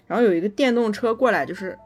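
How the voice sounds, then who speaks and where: Animated woman telling a story casually. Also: medium pitch, rapid-fire. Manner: animated, swears freely, frequent fillers and self-corrections. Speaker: podcast co-host.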